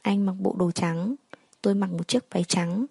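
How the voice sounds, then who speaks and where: A woman narrating a first-person story in a soft, sorrowful way. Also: medium pitch, steady tone, normal speed, husky, no echo.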